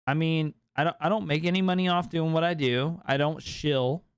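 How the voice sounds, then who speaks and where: A tired young man hosts a late-night podcast chat, rambling candidly and cursing often. His voice is smooth and crisp, recorded close and dry with no room sound. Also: on the high side, fairly even intonation, normal speed, no room sound. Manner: rambling, candid, swears freely. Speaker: podcast host.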